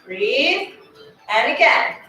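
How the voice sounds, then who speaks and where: A woman's voice: sits high, big pitch swings, very slow, pushed and bright, distant mic. A woman fitness instructor leading an exercise class in a carpeted studio, cueing moves while exercising and slightly out of breath. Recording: very echoey room, voice off-mic, faint music.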